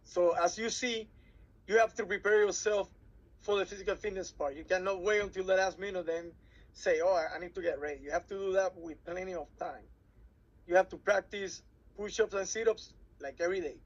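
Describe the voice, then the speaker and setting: Briefing cadets at a workshop, a Spanish-speaking instructor from Puerto Rico talks in English with a Puerto Rican Spanish accent and a high voice. He halts often, starting over and repeating words as he goes. The recording sounds muffled.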